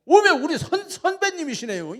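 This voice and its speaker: A man voicing a chummy, excitable Jeolla landowner who drawls in a familiar way. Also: a little fast. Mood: delighted. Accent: Jeolla dialect. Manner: loud, high, drawling and familiar.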